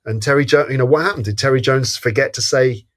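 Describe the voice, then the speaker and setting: A man's voice: mid-range voice, quick pace. A man co-hosting a podcast, talking through a comedy film in a thoughtful, hesitant way with many restarts. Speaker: podcast co-host. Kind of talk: casual film review chat.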